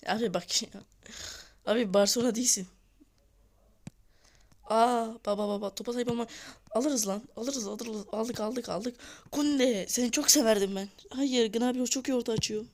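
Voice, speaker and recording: Female gamer, slightly hoarse, casual match commentary, scolds and cheers her players. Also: a little high, normal speed, pauses often. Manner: excitable, scolds and urges on the players. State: voice sounds off, hoarse. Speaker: mobile football gamer. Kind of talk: casual live gameplay commentary.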